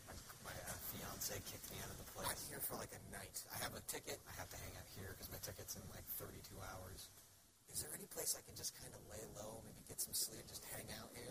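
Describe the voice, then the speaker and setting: A man telling a rambling, crude, self-mocking personal story in a casual way. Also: on the low side. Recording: loud background noise.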